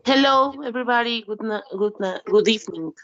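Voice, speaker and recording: A woman's voice: on the high side, normal speed, fairly bright tone. A woman student joining an online class late, greeting everyone hesitantly and apologizing. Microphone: video call. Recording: dull, lo-fi video call audio.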